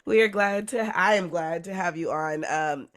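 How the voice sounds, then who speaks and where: A woman hosts a casual podcast with a slightly low voice, thick and stuffy from a cold. She chats easily and breaks into laughs, recorded at home in a bedroom. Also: normal speed. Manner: laughs between lines, chatty. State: congested, sick voice. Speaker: podcast host.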